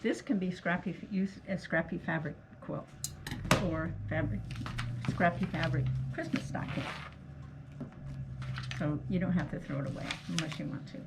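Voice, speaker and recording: A woman's voice: fairly low pitch, moderate pace, pauses often. A woman speaking through a face mask, giving a casual hands-on craft demonstration and talking along as she works. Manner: homely, talks along while working, often checks with "okay". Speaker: craft tutorial host. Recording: clearly noisy, clicks of handling.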